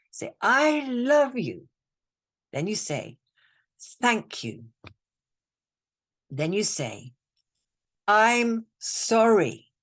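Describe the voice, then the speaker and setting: A woman coach from the UK leads a spiritual webinar, talking slowly and soothingly and repeating phrases like a mantra. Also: fairly low pitch. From United Kingdom. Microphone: computer mic on a video call.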